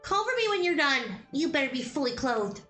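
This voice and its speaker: A woman voicing a sharp-tongued, prickly fifteen-year-old village girl in a visual novel, scolding and indignant. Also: high voice, big pitch swings, brisk, exaggerated voice. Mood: bossy, scolding. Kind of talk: visual novel character acting. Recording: roomy echo, music behind the voice.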